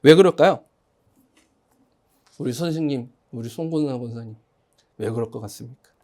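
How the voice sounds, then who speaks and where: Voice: medium pitch, normal speed, dark tone. A pastor preaching a sermon in a church sanctuary, telling a story in a chatty way and asking the congregation questions and having them repeat phrases after him. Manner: storytelling, conversational with fillers.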